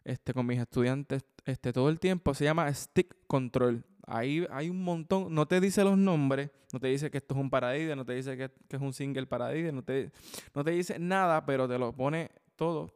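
Drum teacher a resonant voice. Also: male voice, mid-range voice, normal speed, darkish tone, smooth. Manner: explains with frequent "ok?" and "¿verdad?" checks, counts sticking aloud. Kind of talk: instructional video lesson. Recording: long hall reverb.

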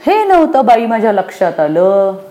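A woman voicing a patient, gentle mother in a children's story, calm and soothing with her child. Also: medium pitch, moderate pace, voice pushed up, close to an everyday voice. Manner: calm, soothing, lightly teasing.

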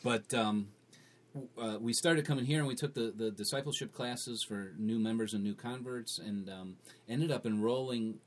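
A middle-aged man telling how he joined his church in a casual interview, animated, stammering and restarting as he goes. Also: mid-range voice, normal speed.

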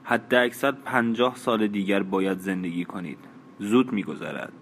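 Man reading a withdrawn, curt stranger, low voice, audiobook. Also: slight background noise, natural voice. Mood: weary. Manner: curt, detached. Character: weary, withdrawn man who never eats.

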